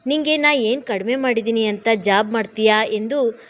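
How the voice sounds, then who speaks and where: A gentle middle-aged father, as a woman storyteller voices him, coaxes and soothes in an even, slightly high voice. He is calm and caring toward his daughter. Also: moderate pace, close to an everyday voice. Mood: soothing. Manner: soothing, coaxing.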